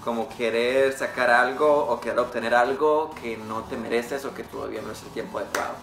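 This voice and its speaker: A man's voice: mid-range voice, fairly even intonation, creaky, fairly bright tone, reverberant. A young man from Costa Rica with a Costa Rican accent, chatting casually in a teasing, playful way while playing a phrase-guessing game. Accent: Costa Rican Spanish. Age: young adult. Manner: playful, teasing, quick to laugh. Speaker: game contestant. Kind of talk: casual chat. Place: indoor living room, seated on a couch.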